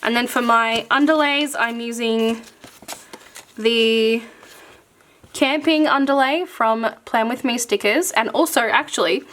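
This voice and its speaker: Chatty woman, highish voice, talking planner stuff, lots of ums and likes. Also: unhurried, a bit bright, slight background noise. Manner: chatty and enthusiastic, many fillers. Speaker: planner content creator. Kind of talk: casual chat showing craft supplies.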